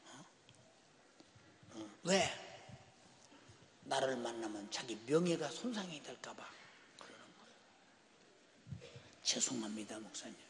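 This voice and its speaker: A man preaching an emotional church sermon. He swings between hushed whispers and loud shouts and keeps tossing rhetorical asides to the congregation. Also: medium pitch, animated, measured pace, pauses often. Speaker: pastor. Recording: long church hall reverb.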